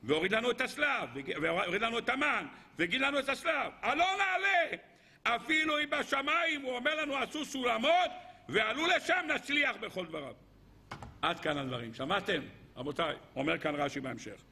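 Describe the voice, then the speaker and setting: A middle-aged rabbi teaches a Torah lesson in a high, bright voice. His tone is husky, with a gravelly edge. He keeps the listeners engaged with questions and moves between loud exclaims and low asides. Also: animated. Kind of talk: lively Torah lesson to a live group.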